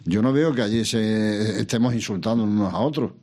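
Older man, low voice, measured interview answers. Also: a little mellow. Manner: measured, hesitant, with restarts and rhetorical questions. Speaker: interview guest, former regional president. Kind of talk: reflective political interview answers.

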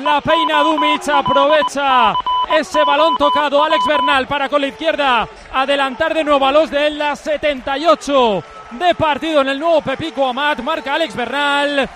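A man's voice: very high voice, steady tone, normal speed. A man with a Spanish accent from Spain gives a live radio goal report as a reporter at a football match. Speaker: reporter announcing goals from another match. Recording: very loud background noise at stadium.

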